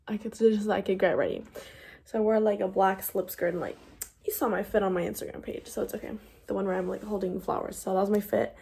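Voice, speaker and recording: A woman's voice: medium pitch, mellow. A young woman chatting casually in a vlog, rambling, with lots of fillers and restarts. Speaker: vlogger.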